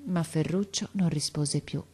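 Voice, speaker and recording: Woman reading an old story out loud, lowish voice, slow and dramatic. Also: slightly rough. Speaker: narrator. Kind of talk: scripted narration of a classic story.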